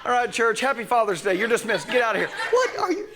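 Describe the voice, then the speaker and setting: A young man preaching a sermon in church, joking and fervent, swinging between loud preaching and quiet asides. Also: high voice, quick pace, noisy background. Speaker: pastor. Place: church sanctuary.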